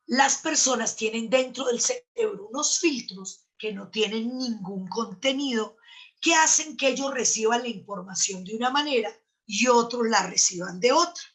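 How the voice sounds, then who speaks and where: A woman's voice: a little high, a bit bright. A middle-aged woman, an NLP trainer, telling a story in a live talk and acting out both sides of a dialogue.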